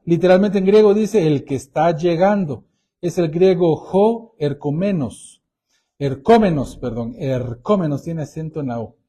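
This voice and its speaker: A man preaching a Bible-teaching sermon, explaining verses in a deliberate way and calling his listeners brothers. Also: fairly high pitch, mellow.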